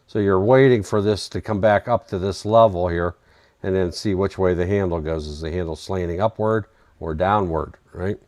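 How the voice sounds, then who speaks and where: A man hosts a live trading stream, reading charts while casually chatting and answering viewer questions, and he's losing his voice as it wears out. His voice is low-pitched and darkish, at a moderate pace. The recording is dry.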